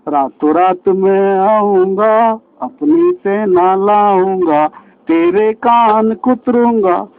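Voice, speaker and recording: Man doing a bold cheeky little mouse, slow sing-song chanting, high voice, tinny phone-like sound. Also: fairly even intonation. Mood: chanting threat. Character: naughty clever small male mouse.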